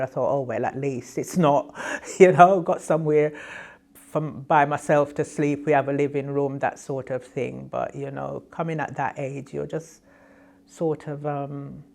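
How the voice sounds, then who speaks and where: A woman's voice: low voice, darkish tone. Older woman telling vivid memories. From Jamaica. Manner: vivid, reflective storytelling. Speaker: interviewee. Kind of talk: documentary interview.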